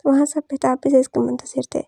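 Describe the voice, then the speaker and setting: A woman reads a novel aloud in a steady, scripted storytelling manner. Her voice is high yet very dark in tone, with gravelly fry and a husky edge. The recording is dry and close, with no room sound. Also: fast, no room sound. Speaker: audiobook narrator.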